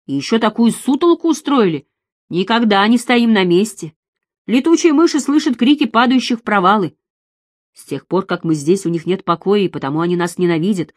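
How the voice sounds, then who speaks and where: A frail, frightened young woman pleads from somewhere far below, as a woman reader puts her on. Her voice lifts higher and swings widely between fear and weariness. The reading is dry and close. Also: lively intonation, brisk, dry recording, natural voice. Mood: weary. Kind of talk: audiobook reading.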